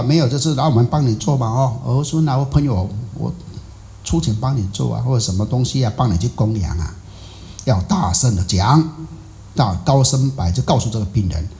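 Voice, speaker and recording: A man's voice: medium pitch, darkish tone. A man explaining a Buddhist sutra in a loose, conversational lecture, repeating himself with many filler particles and rhetorical questions. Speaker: Buddhist dharma teacher.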